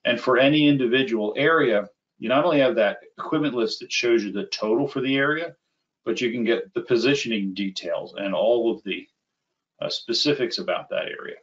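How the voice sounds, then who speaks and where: A middle-aged applications engineer with a mid-range voice presents a live software demo in a webinar, explaining each step in an unhurried, conversational way. He sits at a computer in a small indoor room, and the webinar audio sounds slightly dull and band-limited.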